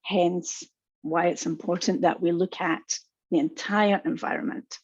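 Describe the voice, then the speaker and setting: Speaking a little slowly with fairly even intonation, a woman with a strong Scottish accent and a lowish, slightly breathy voice delivers a counselling webinar. Her manner is warm and reassuring as she addresses viewers directly. The audio is dull, dry and lo-fi, without echo.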